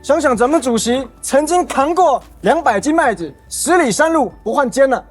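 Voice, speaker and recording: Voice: sits high, expressive, moderate pace, soft background music. An actor playing a preachy, devoted party loyalist. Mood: preaching.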